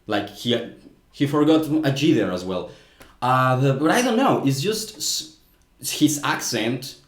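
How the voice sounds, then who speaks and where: Man, mid-pitched, hesitant casual video commentary, echoey room tone. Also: big pitch swings, measured pace. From Mexico. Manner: musing, hesitant, repeats words. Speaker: YouTube host. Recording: roomy echo.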